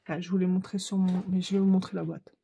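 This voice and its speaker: A woman's voice: fairly low pitch, flat delivery, fast, creaky, warm tone, slight background noise. A woman with a Ch'ti accent from northern France, chatting casually to viewers while she tries out art supplies. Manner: chatty, thinks aloud while painting. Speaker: craft channel host.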